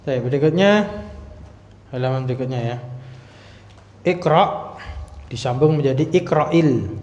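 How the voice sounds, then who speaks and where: A man teaching Arabic grammar at a mosque study class, explaining step by step and clearing his throat often. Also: a little high, slow pace, pauses often, a little mellow. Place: mosque hall. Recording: roomy, echoey hall, dull lo-fi sound.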